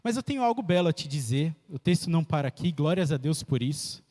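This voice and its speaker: A man preaching a church sermon, emphatic and repetitive, with sharp swings in pitch. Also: expressive, fast talker. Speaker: pastor. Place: church sanctuary. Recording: echoey church hall.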